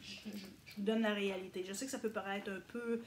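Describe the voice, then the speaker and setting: A woman's voice: mid-range voice, steady tone, quick pace, background noise. A woman giving a casual video lesson as a language teacher, checking in often with her viewers. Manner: chatty, checks in with frequent "ok?".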